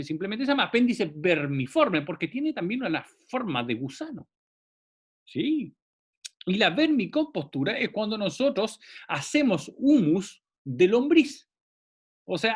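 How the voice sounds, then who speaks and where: Male teacher, classroom lecture, animated up-and-down delivery, keeps checking understanding. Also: sits high, husky.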